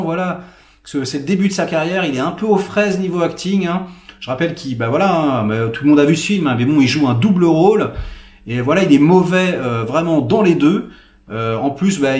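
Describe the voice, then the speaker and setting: A man hosting his channel, giving a casual spoken film review in a rambling, hesitant way full of fillers. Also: fairly high pitch. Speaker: film critic, channel host. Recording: echoey room.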